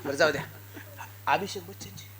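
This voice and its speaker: A fairly high-voiced man preaching a devotional kirtan. He swings his delivery up and down, tells stories and keeps putting questions to the crowd. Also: brisk. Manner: lively, asks the crowd questions and coaxes answers; storytelling with acted dialogue and emphatic swings.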